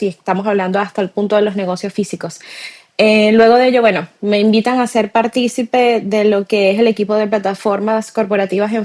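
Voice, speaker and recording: A woman in her forties from Venezuela with a Venezuelan accent, answering interview questions in a measured way with frequent hesitations. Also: medium pitch, darkish tone. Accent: Venezuelan Spanish. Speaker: guest, tech director.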